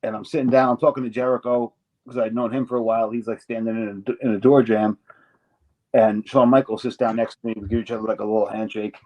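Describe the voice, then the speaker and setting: A man's voice: lowish voice, little pitch movement, quick pace, darkish tone, rough recording. A middle-aged man in an interview, telling stories in a rambling way, swearing freely and acting out the voices of people he quotes. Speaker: interview guest, former wrestler. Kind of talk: casual storytelling.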